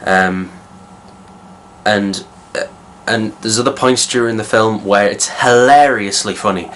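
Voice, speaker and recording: A young man with a low, deep voice reviews a film in loose, casual talk. He rambles, circling back with plenty of fillers and false starts. A faint hiss sits under his voice. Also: measured pace, a bit bright. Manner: rambling, many fillers and restarts. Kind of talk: casual spoken movie review.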